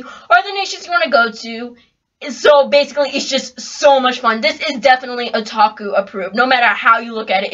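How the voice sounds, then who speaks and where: A young woman reviewing an anime in a chatty, excitable way, talking straight to her viewers. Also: sits high. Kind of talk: casual video review. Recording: dull lo-fi home recording.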